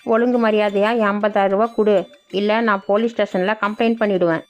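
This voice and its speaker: A woman's voice: mid-range voice, steady tone, fast, faint music behind, natural voice. A greedy cheating village man in a cartoon, making threats and demands, as a woman puts him on. The voice stays close to her own. The sound is dull and lo-fi. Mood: threatening. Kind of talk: cartoon voice acting.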